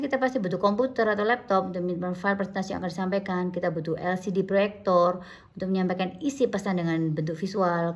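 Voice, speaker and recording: Woman lecturer with a lowish voice. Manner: lists points in order with frequent self-corrections. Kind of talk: recorded university lecture.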